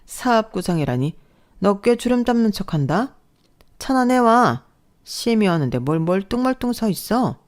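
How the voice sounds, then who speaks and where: A woman voicing a bossy, scornful older mother-in-law who scolds and talks down in a raised, shrill voice. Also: very animated, a little slow. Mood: scolding.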